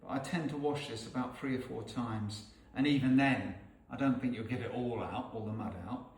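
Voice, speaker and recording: A middle-aged man with a Norfolk accent, a chef hosting a casual cooking demonstration. He talks in a chatty, relaxed way and explains each step as he goes. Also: medium pitch, normal speed. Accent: Norfolk English. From North Norfolk, England. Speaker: chef and host. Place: outdoors on salt marshes, then a home kitchen. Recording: roomy and distant with faint background noise.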